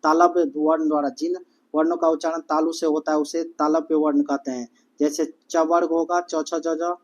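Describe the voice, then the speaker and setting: A man teaching an exam-prep Hindi grammar lesson, repeating letters and answers slowly for students. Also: a little high, flat delivery. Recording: dull lo-fi audio.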